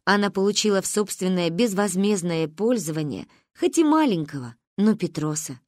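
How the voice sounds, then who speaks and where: A woman reading an audiobook aloud in an expressive, storytelling manner, narrating as a little girl. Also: medium pitch, moderate pace, no room sound, clean studio sound. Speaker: audiobook reader.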